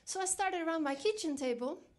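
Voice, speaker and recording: Very high and expressive, this woman's voice moves briskly through a reflective dinner keynote built on stories. She is middle-aged, from Norway, and raises her voice when quoting herself.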